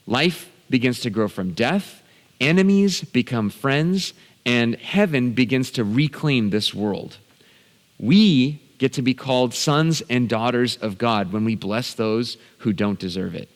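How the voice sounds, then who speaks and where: Pastor preaching in an echoing hall. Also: male voice, medium pitch. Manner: earnest storytelling, bursts of raised emphasis. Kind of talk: sermon. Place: church sanctuary.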